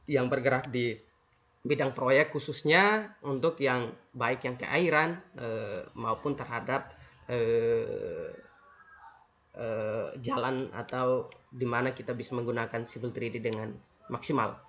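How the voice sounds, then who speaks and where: A man's voice: medium pitch, a bit bright. Guy teaching over a video call, audio cutting in and out, dull lo-fi sound, lots of uh's. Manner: halting, many "eh" fillers and repeated words. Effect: choppy audio breaking up over the call. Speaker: instructor of an online design class. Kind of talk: live online class on a video call.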